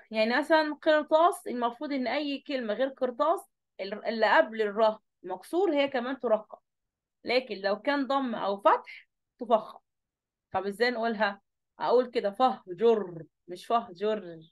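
A woman teacher with an Egyptian Arabic accent giving an online review lesson, asking questions and answering them herself. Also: fairly high pitch.

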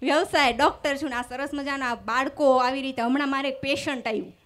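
High-voiced woman doing stand-up comedy. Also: fairly even intonation, fairly quick, fairly bright tone. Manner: storytelling with acted-out dialogue and punchlines. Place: stage before a live audience. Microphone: stage microphone.

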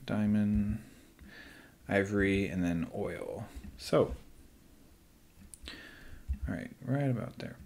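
Low-voiced man walking through a software tutorial. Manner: relaxed, step-by-step instructions with light asides. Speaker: teacher. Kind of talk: screen-recorded software tutorial.

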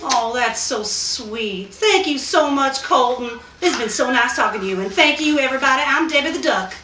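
Brief: very high, bright, gushing duck interviewer, put on by a woman; sing-song and sugary; roomy, off-mic recording. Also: expressive, normal speed, far from the mic, slight background noise. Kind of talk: children's puppet interview.

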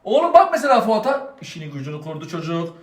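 A man's voice: high voice, very animated, fast, pitched below the performer's own voice. A man playing a stern, preachy middle-aged father who scolds his grown son in an exasperated, moralizing way. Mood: lecturing. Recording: echoey room, faint music behind.

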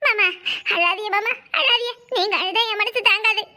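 A cartoon village schemer, very high voice, sharp bright tone, fake wailing, gossipy. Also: female voice, normal speed, exaggerated voice. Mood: sly, mock grieving. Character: scheming village woman, mock-grieving in-law. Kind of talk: Tamil cartoon voice acting.

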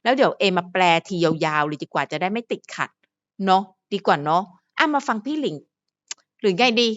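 A woman's voice: mid-range voice, very animated, brisk, dull audio. A woman vlogger who relays and translates an interview in a chatty, rambling way with lots of asides. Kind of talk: casual chat.

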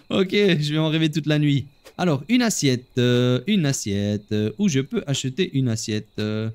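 A man's voice: medium pitch, lively intonation, moderate pace, few pauses, darkish tone, clear, resonant tone. A man hosting a gaming video, chatting casually to viewers as he plays and laughing at himself. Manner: chatty, talks straight to viewers while playing. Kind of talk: casual gameplay commentary.

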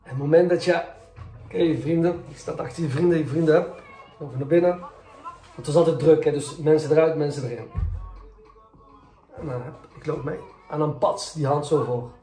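Male journalist, candid first-person storyteller; dark mellow tone, echoey room. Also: a little high, steady tone, brisk. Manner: candid, reflective retelling, acting out both sides of arguments. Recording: roomy echo, faint music.

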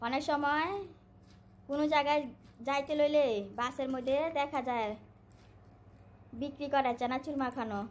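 Casting: high-voiced woman, casual home-cooking vlogger and mother, homely chat, faint room noise. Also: fairly even intonation, moderate pace, long pauses. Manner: chatty and homely, coaxing a small child.

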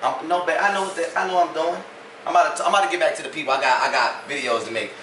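A man's voice: on the high side, very fast, a bit bright. A young man with a Louisiana accent, talking casually and teasing as he cooks in his home kitchen on a cooking vlog. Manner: joking, laid-back, teasing. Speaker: cooking vlogger. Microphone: phone camera on the counter. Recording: echoey kitchen with background noise.

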